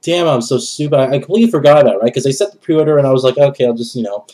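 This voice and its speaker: This is a racing, dark-toned, mid-range male voice belonging to a young gaming vlogger who has a cold. Stuffy and nasal, he chats casually to the camera from his small bedroom, meandering through a channel update.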